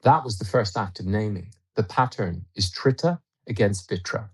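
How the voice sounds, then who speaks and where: A man, a regular guest commentator on a radio show, talking through his analysis in a measured, explanatory way with frequent restarts. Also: on the low side, husky.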